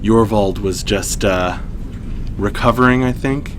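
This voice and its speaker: A man with a lowish voice hosts a live story reading, speaking at a measured pace over background noise. He narrates and chats casually, dropping in hesitant, self-deprecating asides.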